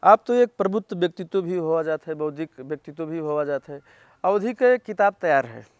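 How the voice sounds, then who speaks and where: A man's voice: on the high side, animated, brisk, smooth, dry recording. A man with an Awadhi accent hosting a TV interview, asking polite, formal questions.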